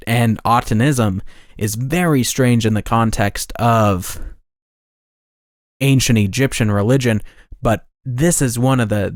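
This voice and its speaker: Male podcast host, mid-pitched, rambling and self-correcting, dry close mic. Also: dry recording. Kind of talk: casual podcast monologue.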